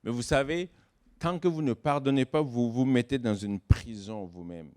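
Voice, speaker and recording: A man giving a sermon as guest pastor, swinging between loud, slow emphasis and soft, low asides. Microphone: online church service recording.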